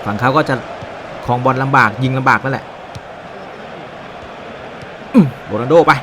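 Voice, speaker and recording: A man giving excited, animated play-by-play commentary on a football video game, with frequent exclamations and a Thai accent. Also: mid-range voice, moderate pace, a crowd in the background, background noise. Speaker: gaming YouTuber.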